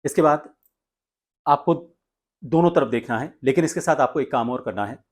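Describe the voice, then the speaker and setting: Addressing his viewers directly, an Indian voice coach guides them step by step in a tutorial format. He speaks at a moderate pace in a mid-pitched voice.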